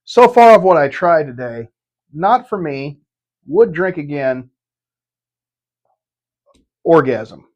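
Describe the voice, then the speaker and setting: Middle-aged man, folksy and halting. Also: a little high, lively intonation, a little mellow, muffled recording. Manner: profane, folksy, halting delivery. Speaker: whiskey review host. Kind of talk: casual chat, whiskey tasting review.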